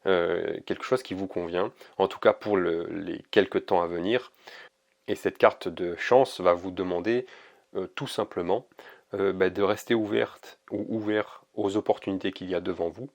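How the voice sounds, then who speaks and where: A man giving a casual oracle card reading to camera, hesitant and gentle, with many fillers and restarts. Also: low-pitched, steady tone, normal speed, creaky.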